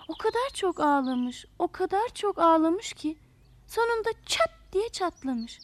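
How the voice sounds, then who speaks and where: A woman telling a children's tale with a high, sing-song voice that swoops through a wide range. She reads expressively, turning toward young listeners. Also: a little mellow. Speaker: storyteller. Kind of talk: children's story narration.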